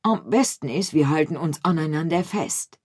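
A woman's voice: sits low, moderate pace, a little mellow, breathy edge. A woman voicing a brave, bossy male animal who leads the others in a storybook reading. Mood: commanding. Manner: bold, commanding.

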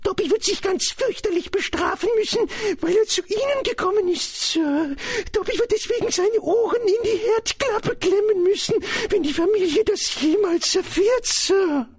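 A man reading a storybook aloud and voicing a small, servile, anxious male house-elf in a squeaky high falsetto. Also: expressive, moderate pace. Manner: servile, frantic, calls everyone sir. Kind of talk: audiobook reading.

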